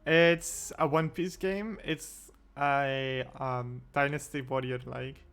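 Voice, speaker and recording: A man's voice: mid-range voice, steady tone, slow pace, fairly bright tone, clean tone. A man in a casual podcast chat, talking playfully and chattily.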